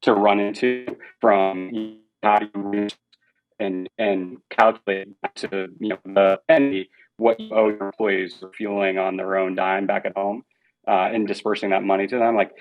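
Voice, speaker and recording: A man's voice: lowish voice, lo-fi sound. A man guest on a business talk show, answering at length with many restarts. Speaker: company guest. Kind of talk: interview answer.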